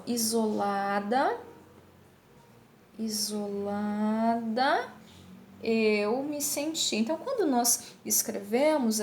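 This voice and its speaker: A woman teacher, explaining step by step, checking in with her students and slowing down to read examples aloud. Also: a little high, a little mellow. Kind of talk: recorded online class. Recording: echoey room with faint hiss.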